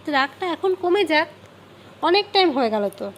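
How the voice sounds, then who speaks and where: A mother at home, coaxing and pleading with her sulking child in a gentle, pleading way. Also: sing-song, fairly quick, a little hiss or hum. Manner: pleading, coaxing in a high soft voice. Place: home bedroom.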